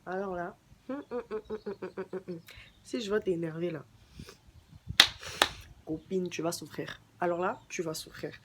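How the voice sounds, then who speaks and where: A young woman vlogging casually to camera in a chatty, playful way, with sudden leaps up in pitch. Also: fairly even intonation, normal speed, pauses often, heavy background noise.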